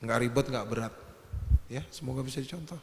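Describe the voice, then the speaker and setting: A man talks casually to a gathering, telling stories and acting out the people in them. His voice sits at a middle pitch. The sound is echoey, with a long hall reverb. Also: fairly quick, creaky, a little hiss or hum. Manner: lively storytelling with acted quotes and laughter. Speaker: guest speaker.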